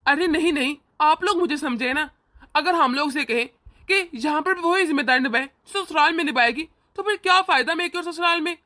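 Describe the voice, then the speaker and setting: A woman voicing a kind, indulgent young brother in an animated family cartoon, speaking gently and reassuringly. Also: high voice, brisk.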